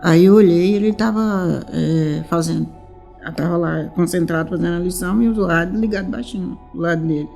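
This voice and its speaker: A woman tells her story in a mellow, warm voice. She rambles, restarts her sentences and acts out the old dialogue. Soft music plays faintly behind her. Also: fairly low pitch, brisk, vocal fry. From São Paulo, Brazil. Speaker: mother of a missing teenager. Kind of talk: emotional personal testimony.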